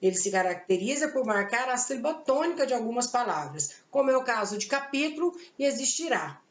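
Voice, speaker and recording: A woman's voice: on the high side, very animated, fairly quick. Brazilian woman teacher, echoey lo-fi lesson. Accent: Brazilian Portuguese. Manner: explains patiently with diminutives and rhetorical questions. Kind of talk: recorded online grammar lesson. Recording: echoey, dull lo-fi room recording.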